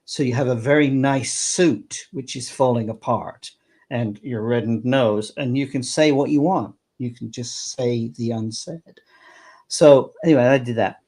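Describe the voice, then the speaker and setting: A man's voice: medium pitch, measured pace, dark tone. An older man, a clown performer, reminiscing in an interview in a rambling way, with many halts and restarts.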